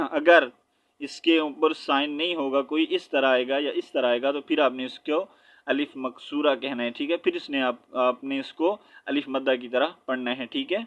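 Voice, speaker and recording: A man with a Pakistani accent teaches Quran reading, slowly spelling out letters and vowel marks and asking checking questions along the way. His voice is medium-pitched, slightly bright, with fairly even intonation.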